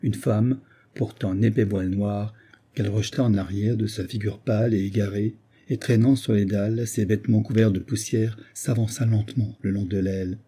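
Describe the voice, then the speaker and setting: A man narrating a classic novel in a measured literary reading. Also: fairly low pitch, steady tone, mellow, slightly rough. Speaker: audiobook narrator. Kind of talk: scripted narration.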